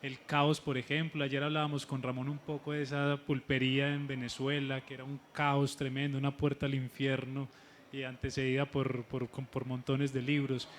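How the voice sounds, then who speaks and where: A male interviewer puts long, careful questions to a writer, pausing and restarting as he goes. His pitch barely moves, giving a flat, even delivery over faint background ambience. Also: a little hiss or hum. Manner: measured, hesitant questions with restarts.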